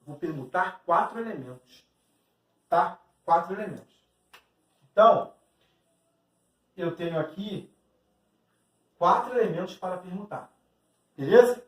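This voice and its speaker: This exam-prep math lesson comes from a man with a Brazilian Portuguese accent whose voice sits high, with lively intonation, a measured pace, and long pauses. He explains step by step, addresses the student directly, and acts out student questions, captured with roomy sound on a distant mic.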